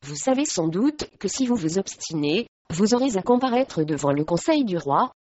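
A woman's voice: mid-range voice, sing-song, moderate pace, a little mellow, dry recording. A woman voicing a silky, honeyed priest man. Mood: menacing. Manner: smooth, mild and coaxing. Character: suave honey-voiced male abbot, threatening. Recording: dry, slightly muffled recording.

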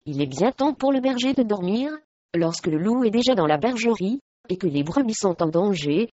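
A woman's voice: medium pitch, lively intonation, moderate pace, mellow, dry recording, natural voice. A stern, irritable medieval lord who scolds his household, as a woman narrator puts him on. The audio is dry and a little dull. His voice sits in a middle register. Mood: angry.

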